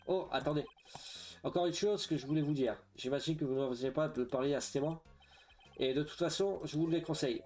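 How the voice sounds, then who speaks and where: A man voicing a gruff, friendly police detective in a video game, dropping low at the ends of phrases. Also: a little fast, a little mellow, natural voice.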